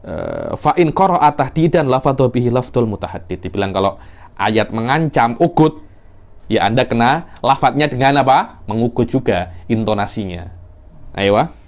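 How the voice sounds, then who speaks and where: Man, religious teacher, animated classroom lecture with sudden pitch jumps. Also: moderate pace. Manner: animated, acts out verse intonation with sudden pitch leaps. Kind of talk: classroom lecture on Quran recitation.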